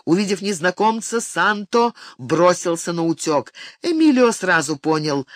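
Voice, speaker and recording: Give me an expressive audiobook narrator with a dry, close recording. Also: mid-range voice, measured pace, no echo.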